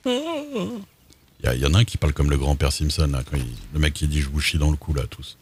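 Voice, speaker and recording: A man's voice: rumbling low, flat delivery, rapid-fire, slight background noise. A man chatting casually while streaming a game, laid-back and hesitant, often stopping on fillers. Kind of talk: casual gameplay chat.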